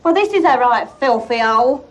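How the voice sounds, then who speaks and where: A brash young London girlfriend played by a woman in a TV comedy-drama. She complains bluntly in a high, highly animated voice. There is clear background noise. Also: moderate pace, close to an everyday voice. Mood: indignant. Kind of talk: naturalistic TV comedy-drama acting.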